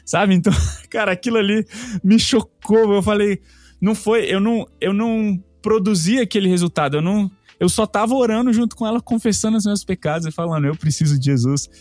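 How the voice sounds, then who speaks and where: A man's voice: high-pitched, a little fast, darkish tone, no echo, soft background music. A Brazilian man in his thirties, a podcast co-host telling an emotional family story with many restarts and repeats. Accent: Brazilian Portuguese.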